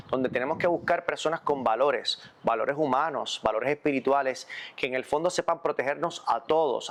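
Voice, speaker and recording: A Puerto Rican man, a priest, answering interview questions in a measured, reflective way and repeating phrases for emphasis. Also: medium pitch, vocal fry. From Puerto Rico.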